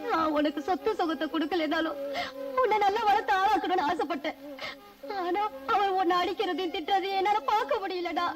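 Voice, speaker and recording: A woman's voice: very high-pitched, lively intonation, normal speed, long pauses, far from the mic, loud music behind the voice. An actress in a dubbed film playing a kind, poor mother who pleads and weeps over the child she raised. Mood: tearful. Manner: pleading and tearful.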